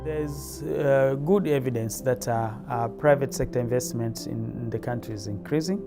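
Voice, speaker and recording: A man speaking hesitantly and quietly in an interview, with many restarts. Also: mid-range voice, moderate pace, over music. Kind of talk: interview answers.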